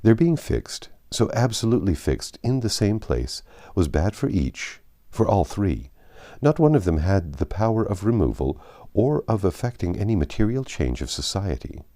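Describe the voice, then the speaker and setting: A man narrates a classic novel as an audiobook, his phrasing measured and expressive with drawn-out emphasis. His pitch is fairly low.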